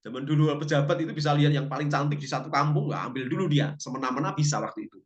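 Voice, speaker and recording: A man whose voice sits on the high side races through a Bible language class, heard through dull audio. He's a lively storyteller who cracks jokes and asks the class questions.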